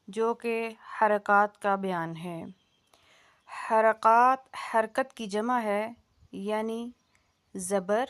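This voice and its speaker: A woman teaching a Quran recitation lesson, patiently drilling syllables and checking that her students follow. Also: mid-range voice. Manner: patient, repeats sounds slowly and checks understanding.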